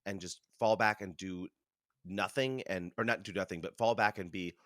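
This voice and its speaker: Lively low-voiced man telling stories. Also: normal speed, no room sound, studio quality. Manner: animated storytelling, acts out voices, chuckles. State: chewing food while talking. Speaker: interview guest, Broadway performer. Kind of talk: casual conversational interview.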